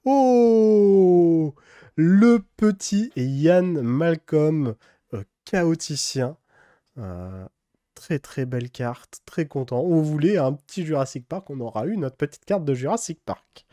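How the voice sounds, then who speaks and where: A man with a fairly high-pitched yet mellow voice opens card packs for his channel at an unhurried pace, relaxed and filling his casual unboxing commentary with fillers. He carefully sounds out card names slowly in a put-on English accent, captured dry and close on the mic.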